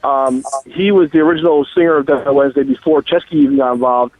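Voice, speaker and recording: A musician guest calls in on a car speakerphone while driving, in a casual phone interview from a moving car over a tinny, dry phone line with no room sound. His voice is mid-range with fairly even intonation, and he talks fast. He rambles loosely and profanely, with lots of fillers.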